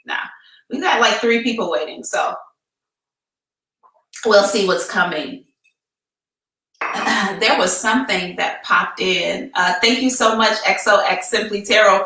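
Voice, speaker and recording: A woman's voice: mid-range voice, sharp tone, recorded from a distance. American woman chatting in an echoey empty room. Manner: chatty, informal and candid, with slangy phrasing. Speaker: psychic reader hosting a live advice show. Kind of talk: casual live-stream chat. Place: emptied-out room indoors.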